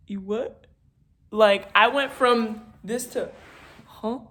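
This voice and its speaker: Animated young woman telling a story. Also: a little high, roomy sound. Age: 20s. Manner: animated, laughing, acting out her dad's lines. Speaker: vlogger. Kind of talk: casual storytelling.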